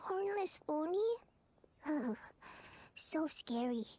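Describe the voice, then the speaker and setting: Tanuki creature, tiny and childlike, extremely high pitch, slow excitable broken speech, game character, music behind. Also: heavily acted. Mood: timid awe. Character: small childlike tanuki yokai creature, excitable, simple-minded. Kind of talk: cartoonish video game character acting.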